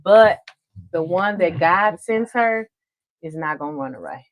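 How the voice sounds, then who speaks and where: Low-voiced woman, earnest and preachy. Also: animated. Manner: earnest, preachy, drawn-out emphasis. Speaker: podcast co-host. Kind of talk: casual advice chat.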